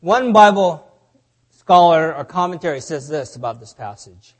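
A high-pitched man gives a sermon in short bursts, then pauses while an interpreter translates. His delivery is measured and plain, and each phrase is kept brief so it can be handed on. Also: expressive. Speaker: preacher.

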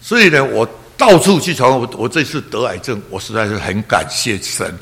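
A man's voice: mid-range voice, sing-song, moderate pace, gravelly, a bit bright. Old pastor around 80, telling his testimony, earnest, gets emotional. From Taiwan. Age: about 80. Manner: earnest storytelling, emotional swings. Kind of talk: personal testimony.

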